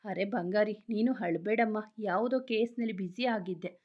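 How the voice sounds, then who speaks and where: A young police officer with a teasing, affectionate manner, voiced by a woman reading a romantic audio story, coaxing gently in a plain everyday voice. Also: mid-range voice, moderate pace, dull audio, lightly acted. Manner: playful, coaxing.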